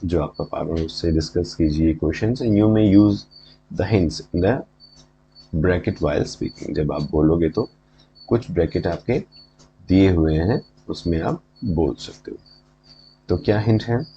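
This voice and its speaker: Indian guy teaching a class lesson, low deep voice, slow and steady, bit of hum behind. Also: muffled recording. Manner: mixes Hindi explanation with English read aloud, repeats words for pronunciation. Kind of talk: explaining a textbook lesson.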